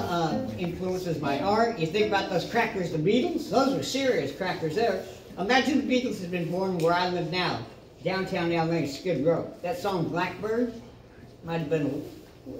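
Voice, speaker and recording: A man's voice: high voice, animated, normal speed, a little hiss or hum. A man from Iowa, a street comedian doing crude, rambling banter with passersby and laughing at his own jokes. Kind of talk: improvised comic banter with passersby. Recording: echoey, distant, with guitar music.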